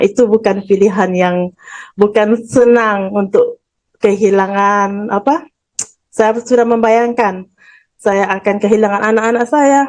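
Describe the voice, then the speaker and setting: A woman's voice: medium pitch, a little mellow, low-quality recording. A woman on a forum panel sharing a candid, heartfelt personal testimony, emotional and close to tears at times, with frequent fillers.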